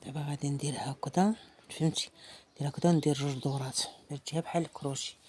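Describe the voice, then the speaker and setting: A woman's voice: low-pitched, steady tone, very fast, dark tone, husky. A woman with a Moroccan Arabic accent teaching embroidery in a casual, chatty way, thinking aloud as she works and sometimes murmuring to herself. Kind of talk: casual hands-on craft tutorial.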